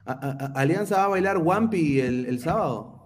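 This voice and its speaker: Teasing football podcast host. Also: male voice, a little high, animated, moderate pace. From Peru. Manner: teasing, mocking rival fans. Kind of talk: casual football podcast chat.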